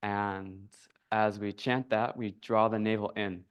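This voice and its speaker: A man teaching a yoga class, calmly guiding breath and movement. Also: on the low side, unhurried, clean tone, lo-fi sound. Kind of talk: guided yoga class instruction. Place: yoga studio.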